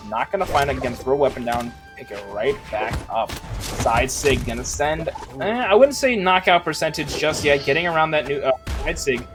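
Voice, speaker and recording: A man's voice: on the high side, moderate pace. A man doing live play-by-play as a fighting game announcer, chatty and analytical, in short stop-and-start phrases. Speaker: esports match commentator. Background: music playing behind the voice.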